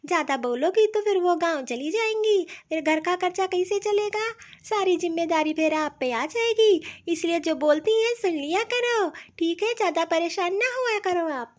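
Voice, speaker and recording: A woman's voice: very high-pitched, animated, normal speed, hardly any pauses. A woman voicing a sly young daughter-in-law in a cartoon, sweet-talking and soothing. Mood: coaxing. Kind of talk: cartoon voice acting. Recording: slightly dull lo-fi audio.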